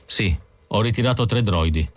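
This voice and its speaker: A man's voice: on the low side, moderate pace, lightly acted. A man voicing a weary, guarded male bounty hunter in an audiobook reading. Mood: terse.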